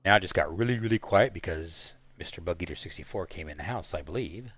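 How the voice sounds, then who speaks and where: Deep-voiced man rambling through a stream. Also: lively intonation, a bit bright, husky, no echo. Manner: rambling, halting, lots of fillers. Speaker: live stream host. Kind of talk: casual commentary while flying a sim.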